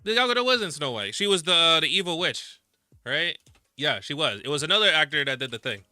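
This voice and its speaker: A man's voice: on the high side, lively intonation, quick pace, bright, forceful tone, dry recording, faint music behind. A young man streaming a game, rambling casually and reading the game's narration aloud. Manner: rambling, laid-back, reads narration aloud.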